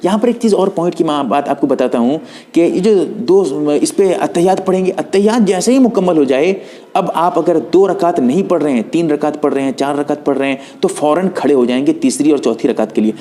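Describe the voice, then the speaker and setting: A man with a somewhat high voice gives religious instruction. He speaks in a patient, explanatory way and shows each movement as he goes. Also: a little fast, mellow. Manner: patient, explanatory, demonstrating as he talks. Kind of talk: step-by-step prayer instruction.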